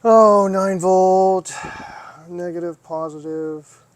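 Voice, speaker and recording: With a high-sitting voice, he talks slowly and evenly in a recording with no echo. He is a vlogger who hosts hobby repairs, musing to himself as he works and frequently questioning his own steps.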